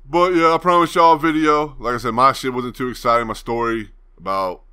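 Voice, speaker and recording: A man's voice: mid-range voice, fairly even intonation, fairly quick, bright, forceful tone, smooth. A young man from Virginia, hosting his channel, telling a story in a laid-back, rambling way and swearing freely. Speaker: channel host. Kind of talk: casual storytelling to camera.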